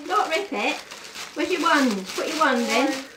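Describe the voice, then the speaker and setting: An older woman, coaxing a toddler in sing-song baby talk at home, sometimes dropping to soft murmurs. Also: high-pitched, animated, unhurried, echoey room. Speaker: grandmother playing with a toddler. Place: family home, indoors. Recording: distant home-video audio with background noise.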